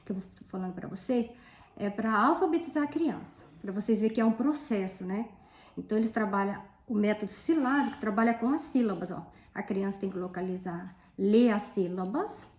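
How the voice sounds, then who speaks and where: A woman's voice: mid-range voice, a little mellow, slight background noise. A woman, a tutor explaining methods casually while showing worksheets and pointing things out. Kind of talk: casual teaching demonstration. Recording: echoey room, faint background.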